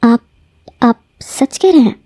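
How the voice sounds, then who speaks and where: A woman voicing a frightened young female student who pleads tearfully, her voice pushed higher. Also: animated, warm tone, dry recording. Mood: disbelieving.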